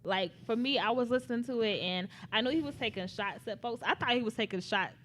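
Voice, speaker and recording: Woman pressing with quick questions. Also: fairly high pitch, fairly bright tone. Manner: quick questioning, pushes for answers. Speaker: podcast co-host. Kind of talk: casual chat.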